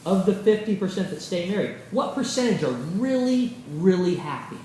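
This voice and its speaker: Animated man lecturing in an echoey room. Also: high voice, moderate pace. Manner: animated, acts out quoted voices, swears casually. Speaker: yoga teacher. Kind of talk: informal lecture to a class. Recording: roomy echo from a far mic.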